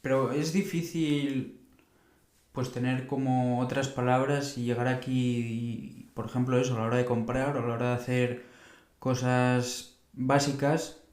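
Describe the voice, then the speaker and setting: A man hosting a podcast, asking questions with hesitant pauses and restarts. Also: medium pitch, flat delivery, darkish tone. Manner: hesitant, searching for words while asking questions. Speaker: podcast host. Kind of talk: interviewing. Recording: roomy echo.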